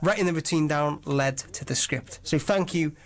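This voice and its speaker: A man's voice: on the high side, normal speed. A man hosting an online radio show, chatting casually and enthusiastically about films with jokey asides. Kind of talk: casual movie trivia chat.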